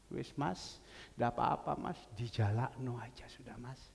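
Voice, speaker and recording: A male pastor voicing a middle-aged wife who gently and resignedly chides her sick husband during a sermon. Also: mid-range voice, a little slow, vocal fry, voice pushed down. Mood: soothing. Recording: long church hall reverb.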